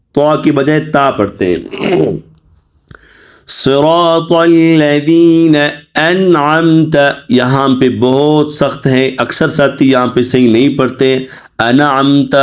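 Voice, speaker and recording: A man teaching the rules of Quran recitation in a Pakistani Urdu accent, explaining plainly and reciting examples slowly. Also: mid-range voice. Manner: clears his throat now and then.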